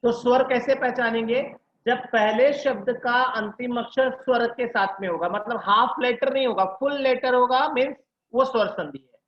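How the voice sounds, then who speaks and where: A man's voice: very high voice, moderate pace. A man tutoring an online class, drilling letter sounds one at a time and checking in with his students. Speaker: Hindi tutor. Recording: echoey, dull lo-fi room sound.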